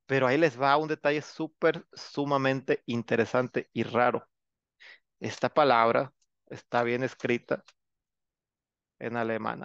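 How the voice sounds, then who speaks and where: A male English teacher gives an online class in a chatty, teasing way and coaxes quiet students to speak up. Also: mid-range voice, gravelly, smooth, no echo. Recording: dull, dry lo-fi sound.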